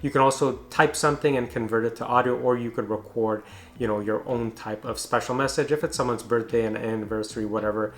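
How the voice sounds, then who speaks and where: A man with a mid-pitched voice narrates a product review. He explains things informally, in an easy conversational style. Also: fairly even intonation, fast talker, a bit bright.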